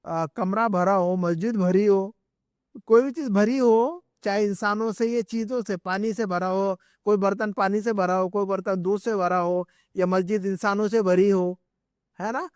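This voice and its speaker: A man teaching a live Arabic class, explaining patiently, drilling words slowly and often checking that students follow. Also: high voice, steady tone, darkish tone, clean tone, no room sound, studio quality. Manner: patient, repetitive explaining with frequent checks for understanding. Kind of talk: classroom grammar lesson. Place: live class at an Islamic centre.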